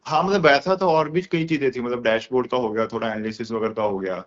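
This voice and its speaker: A young man, a course student, answers an interviewer over the phone in a casual, colloquial way, leaning heavily on fillers. He talks quickly in a mid-range voice, and the call recording sounds dull and lo-fi.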